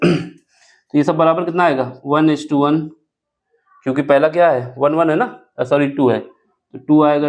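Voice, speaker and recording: A man teaching a board-exam math lesson step by step, asking questions and answering them himself. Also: a little high. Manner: asks rhetorical questions and answers them, self-correcting aloud.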